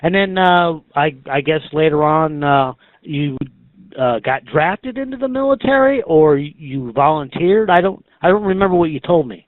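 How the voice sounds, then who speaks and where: A man conducting a casual interview, asking halting, hesitant questions with many pauses. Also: on the high side, expressive. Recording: tinny phone-like band, roomy echo.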